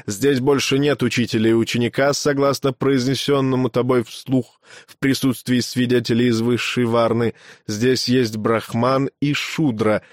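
A man voicing a cold, ruthless young male brahmin who speaks in an even, grating, unhurried voice. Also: medium pitch, dry recording, studio quality, natural voice. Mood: cold, commanding.

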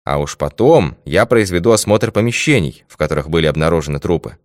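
A calm, methodical detective speaks in a measured, confident way, as a man reads him aloud. The voice sits deep and low. The sound is close and dry, with no room around it. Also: dry recording. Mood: assured.

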